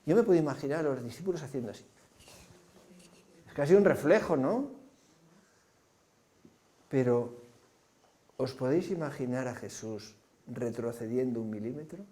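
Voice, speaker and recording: A man's voice: mid-range voice, lively intonation, normal speed, pauses often, warm tone. A man preaching a sermon, painting vivid scenes and asking his listeners rhetorical questions. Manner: vivid storyteller, asks the congregation rhetorical questions.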